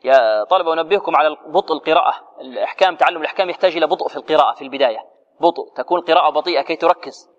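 Quick, high-voiced man teaching recitation. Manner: drills sounds and asks rhetorical questions. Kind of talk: tajweed lesson, correcting students. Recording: dull, echoey hall.

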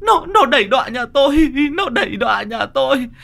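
A man's voice: very high-pitched, big pitch swings, brisk, creaky, bright, forceful tone, voice pushed up, full character voice. A man voicing a terrified older widow who wails and stammers. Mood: wailing terror. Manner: shrieking, stammering.

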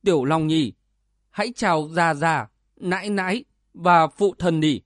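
A man's voice: fairly high pitch, a little slow, no room sound, studio quality, close to an everyday voice. A man reading aloud as a young wife who pleads through her tears. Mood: tearful. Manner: pleading, tearful.

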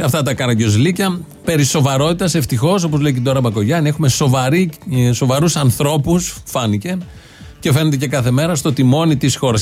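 A man's voice: on the high side, a little mellow. A man hosting a satirical show, commenting with mocking irony. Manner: mocking, ironic asides. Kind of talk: sarcastic commentary.

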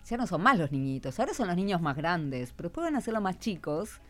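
A radio host with an Argentine (Rioplatense) accent interviews schoolchildren, her low-leaning voice very animated and quick. She keeps things informal and teacherly, often nudging the kids along with questions. Faint music plays behind her.

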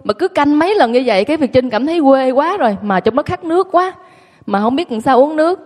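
A woman tells her own story to an audience, candid and self-mocking. Her voice sits fairly high. The room carries a long, ringing reverb. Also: expressive, fast talker, a little mellow. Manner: candid, self-mocking, laughs while telling. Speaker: guest recounting her childhood.

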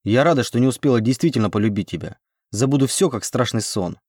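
A man voicing a fiery, sharp-tongued young bride. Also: medium pitch, animated, quick pace, no echo, clean studio sound, natural voice. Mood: angry. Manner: indignant, biting retorts.

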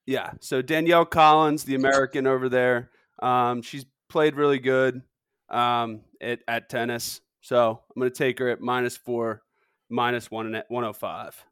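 A man's voice: mid-range voice, steady tone, moderate pace, a bit bright, clean tone, dry recording. A man co-hosting a sports betting podcast, talking casually and joking around. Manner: jokey, laughing, does silly voices. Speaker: podcast co-host.

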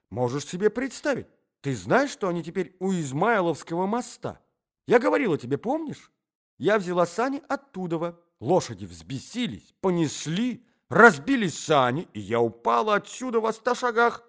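A man voicing a flustered, flirtatious society lady who gushes in breathless, shrill exclamations. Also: big pitch swings, normal speed, darkish tone. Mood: gushing.

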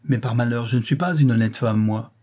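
A man's voice: mid-range voice, moderate pace, dark tone, breathy edge, close to an everyday voice. A man voicing a proud, fiery young woman who defies her husband, speaking with heated defiance. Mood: defiant.

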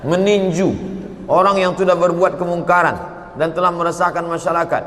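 Man, preacher, sermon with rhetorical questions, slightly high voice, echoey hall. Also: flat delivery, moderate pace, fairly bright tone, a little hiss or hum. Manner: rhetorical questions, acts out dialogue, chants Arabic verses. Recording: roomy hall reverb.

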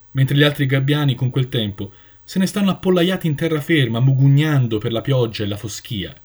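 A man reading a story aloud with dramatic, expressive narration. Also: medium pitch.

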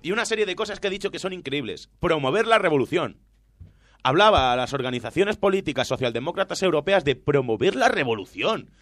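A man's voice: on the high side, lively intonation, a little fast, fairly bright tone, no echo, clean studio sound. A man hosting a satirical radio countdown, mocking and sarcastic. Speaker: radio host.

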